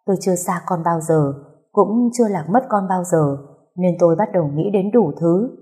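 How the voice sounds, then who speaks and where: A woman's voice: fairly low pitch, normal speed, dark tone. A woman reading a first-person story aloud, earnest and emotional. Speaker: story narrator. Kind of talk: first-person audiobook narration.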